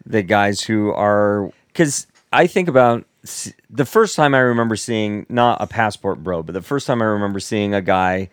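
A podcast co-host from the Seattle area in the United States chats casually, rambling, restarting sentences and laughing a lot. His voice sits on the low side, and he talks at a moderate pace with few pauses. The tone is clean, with no echo and studio-quality sound.

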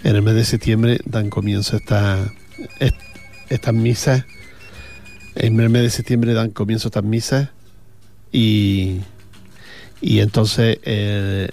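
His fairly low, mellow voice has some vocal fry. An Andalusian-accented radio host, he chats casually between songs in a rambling way, full of fillers and repeated words.

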